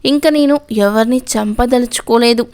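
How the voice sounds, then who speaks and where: A woman reading the lines of a remorseful, despairing man in a pleading way, with a smooth voice. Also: a little high, unhurried, a little mellow. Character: remorseful guilt-wracked grown man, despairing.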